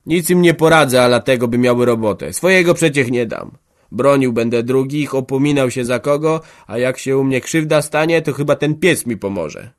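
A man's voice: medium pitch, normal speed, voice pushed up, natural voice. A man voicing a stubborn, hard-hearted old peasant farmer who speaks harshly and emphatically in an audiobook. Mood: stubborn, defiant. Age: older. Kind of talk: audiobook character voice.

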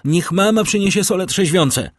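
A man reading an audiobook, voicing a gentle, anxious young woman. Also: low voice, very animated, moderate pace, no room sound. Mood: alarmed.

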